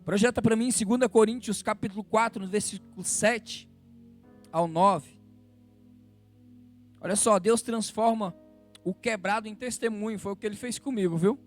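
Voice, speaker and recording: A Brazilian man preaching a sermon in church, swinging between fervent exhortation and low, intimate confession, with soft instrumental music behind him. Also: normal speed, long pauses. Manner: emotional, rises to fervent exhortation then drops low and intimate. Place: church sanctuary.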